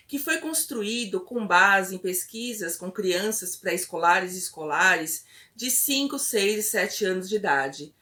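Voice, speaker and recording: A woman instructor patiently explaining a test step by step, often pausing to check in with her listeners. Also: mid-range voice, fairly bright tone.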